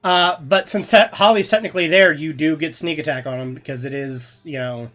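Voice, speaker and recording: A man running a tabletop game as dungeon master, calmly explaining rules and calling turns. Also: fairly high pitch, fairly quick, soft background music. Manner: patient, rule-explaining, easygoing.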